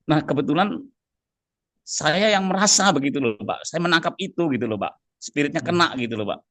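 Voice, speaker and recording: A man's voice: fairly high pitch, lively intonation, fairly quick, a bit bright, no echo. A man sharing a personal story in a group call, earnest and rambling, with repeated filler tags. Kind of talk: casual heartfelt testimony in a group call.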